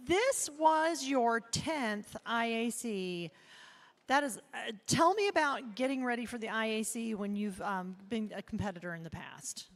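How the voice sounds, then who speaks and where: Higher-voiced woman hosting an event. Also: expressive, unhurried. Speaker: event host and interviewer. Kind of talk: live event interview.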